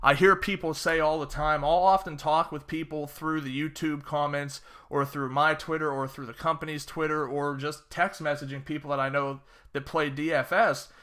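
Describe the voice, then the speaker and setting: A man's voice: fairly high pitch, steady tone, normal speed, hardly any pauses, sharp tone. A young man casually breaking down fantasy baseball picks, chatty and rambling with fillers and sarcastic asides. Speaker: fantasy sports analyst. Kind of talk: casual solo sports-betting breakdown.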